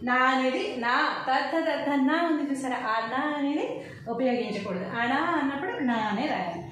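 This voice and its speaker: Echoey woman teaching slowly. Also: high voice, fairly bright tone. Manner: slow, drawn-out recitation of syllables. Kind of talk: lesson. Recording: echoey room, faint noise.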